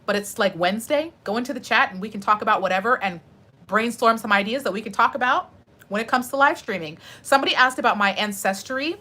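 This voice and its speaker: A woman's voice: fairly high pitch, quick pace, sharp tone. A young adult woman from the United States, chatting casually on a live stream and answering viewer questions.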